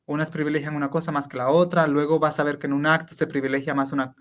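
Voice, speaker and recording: A man with a Honduran Spanish accent speaks as an interview guest, with a somewhat higher voice than most men. He explains things step by step in a reflective, conversational way and restarts his sentences often, like a teacher thinking aloud. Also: little pitch movement, quick pace, fairly bright tone.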